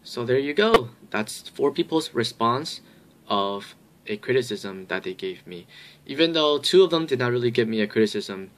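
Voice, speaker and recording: A man's voice: medium pitch, animated, normal speed, a bit bright. A young man talking earnestly into a phone camera held at arm's length in a campus hallway. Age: young adult. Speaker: vlogger. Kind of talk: casual vlog narration. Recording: noisy phone recording.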